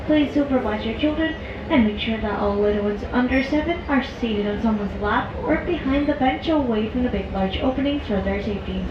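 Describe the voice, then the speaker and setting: A woman conductor making informal live safety announcements over a train PA loudspeaker, with casual fillers and restarts. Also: fairly high pitch, a little fast. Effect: heard over a train PA loudspeaker. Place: open-air train carriage. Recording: echoey, distant, muffled PA with noise.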